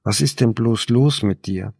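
A man voicing a blunt, practical young woman in an audiobook, brisk and scolding toward her friend. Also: medium pitch, creaky, a little mellow, breathy edge. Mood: consoling.

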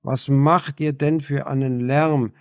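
A man voicing a grumpy, just-woken young female student in an audiobook, snapping at her flatmates. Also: a little high, moderate pace, dry recording, studio quality, pitched above the performer's own voice, close to an everyday voice. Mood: irritated.

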